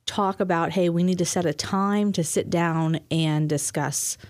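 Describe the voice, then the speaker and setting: A woman talking through money advice in a relaxed, earnest conversation, often restarting her phrases as she explains. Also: on the low side, a little slow, dry recording, clean studio sound. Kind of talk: casual conversation.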